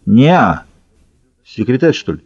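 A man's voice: mid-range voice, sing-song, takes it slowly, darkish tone, slightly rough, no echo, exaggerated voice. A man voicing an irritated male baron who barks curt threats down the phone. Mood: gruff. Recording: slightly dull dry recording.

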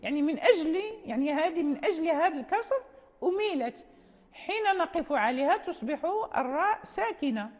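A woman teaching Quran recitation rules, explaining slowly and repeating phrases with checking questions. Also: high-pitched, expressive. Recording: dull lo-fi sound in a reverberant hall.

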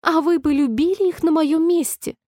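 A woman voicing a small, frightened, touchy female mouse in a storybook reading, with a shrill, squeaky, indignant voice. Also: steady tone, moderate pace, darkish tone, no echo, studio quality.

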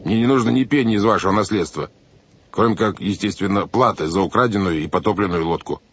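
A man's voice: on the low side, fast talker, slight background noise, close to an everyday voice. A man doing a scheming villainous sea captain. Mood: indignant. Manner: falsely soothing, curt and bossy. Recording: dull lo-fi audiobook recording.

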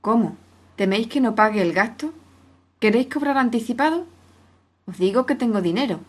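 A woman's voice: on the high side, animated, normal speed. A woman reading aloud, voicing a weary, hungry male traveler who insists on being fed. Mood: indignant. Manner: insistent, growing demanding.

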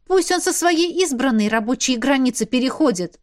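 A woman's voice: high voice, expressive, moderate pace, pitched above the performer's own voice. A woman voicing a young heroine who speaks heatedly and indignantly. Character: young woman heroine, hot-tempered and defensive.

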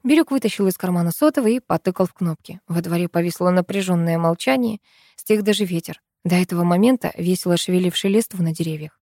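A woman narrating an audiobook in an even, measured reading. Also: lowish voice, dry recording, clean studio sound. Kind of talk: scripted narration.

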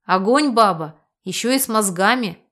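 A woman's voice: mid-range voice, expressive, moderate pace, fairly bright tone, close to an everyday voice. A woman voicing a cocky, thuggish male spirit guide who talks in street slang, in an audiobook.

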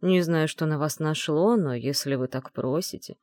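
Woman doing a gentle older manservant, low and soft, storybook, dry sound. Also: normal speed, no room sound, close to an everyday voice. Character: kind, aging half-blood male servant.

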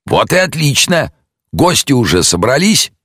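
A man's voice: mid-range voice, sing-song, moderate pace, a bit bright, husky, no room sound, pitched above the performer's own voice, heavily acted. Audiobook casting: a man playing a well-mannered Victorian sleuth, raised voice, dry close sound. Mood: courteous. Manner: courteous, formal. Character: polite, composed male Victorian detective.

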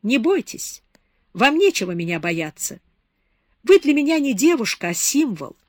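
A woman reading an audiobook, voicing a suave, melancholy man who speaks softly and persuasively. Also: a little high, very animated, moderate pace, dry recording, studio quality, voice pushed up. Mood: tender. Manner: soft, persuasive.

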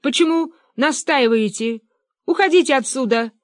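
Reader doing tiny whiny male tyrant for an audiobook, very high squeaky pleading, dry mic. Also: moderate pace, no echo, natural voice. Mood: squealing. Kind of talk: audiobook narration.

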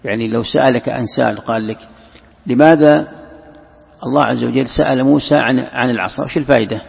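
Talking fast, this man has a medium-pitched, creaky voice with a breathy edge. He's a religious teacher giving a scripture commentary, posing and answering his own questions and repeating key phrases; the audio is dull and lo-fi, with hall echo.

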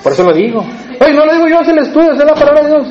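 High-voiced Mexican preacher, chatty sermon. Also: male voice, big pitch swings, rapid-fire, darkish tone, dull audio, slight background noise. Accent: Mexican Spanish. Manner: conversational, asks the congregation questions.

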